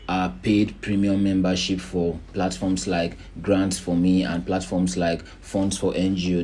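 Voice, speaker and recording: A man giving a slide presentation to volunteers in an unhurried, deliberate way, explaining slowly and checking in with a questioning "right?". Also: sits low, darkish tone, a little hiss or hum. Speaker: organisation leader presenting annual plans.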